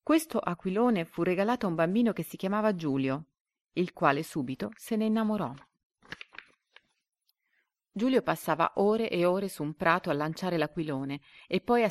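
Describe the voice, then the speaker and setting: A woman with a low voice reads a story aloud, then goes through the quiz questions. She paces the answer options slowly and deliberately. The recording is dry and close. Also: expressive, a little mellow, no room sound. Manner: slow and deliberate when reading quiz options.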